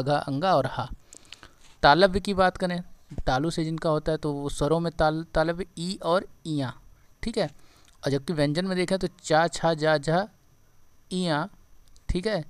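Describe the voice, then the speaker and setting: A man's voice: on the high side, smooth. A male teacher giving an exam-prep grammar lesson, sounding out syllables one by one and repeating key points back as questions to his students. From India.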